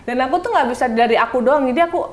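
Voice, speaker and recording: A woman's voice: high voice, racing. A woman in her thirties chatting casually as a talk show guest, often laughing as she tells stories. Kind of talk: casual chat.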